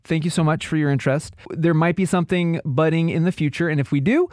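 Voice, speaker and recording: A male podcast host talks casually in a fairly high voice. He rephrases as he goes, and the sound is dry with no room echo. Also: steady tone, quick pace, a little mellow. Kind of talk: casual chat.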